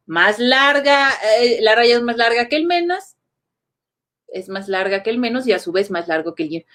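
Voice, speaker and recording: A woman's voice: on the high side, lively intonation, a little fast. Chatty woman teaching grammar online. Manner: chatty, playful, addresses viewers as comrades. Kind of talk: casual online lesson.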